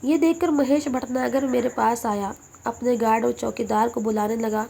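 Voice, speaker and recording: Woman storyteller with a gravelly voice. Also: fairly high pitch. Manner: steady first-person dramatic narration. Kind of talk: scripted emotional story narration.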